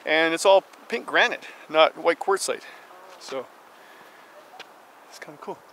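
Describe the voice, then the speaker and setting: In poor audio with a little hiss or hum, a middle-aged man with a slightly high voice speaks a bit slowly. He's a camping vlogger recording on a handheld camera at arm's length: first a rambling bedtime story in his tent at night, then trail talk outdoors, told with chuckles and animation.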